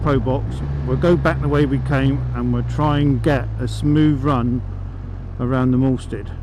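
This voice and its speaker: A man's voice: medium pitch, steady tone, unhurried. A man talking casually through a helmet mic while test-riding a motorbike, thinking aloud as he goes. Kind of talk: casual ride commentary. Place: on a motorbike outdoors on the road. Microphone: helmet-mounted mic while riding. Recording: wind and engine noise, helmet mic.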